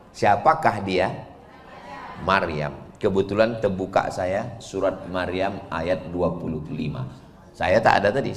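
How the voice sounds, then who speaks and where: A man, preaching in a lively religious lecture, teasing the crowd with questions and chanting verses. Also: low voice, creaky. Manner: playful, teasing questions, chanted Quran recitation. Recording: echoey hall with long reverb.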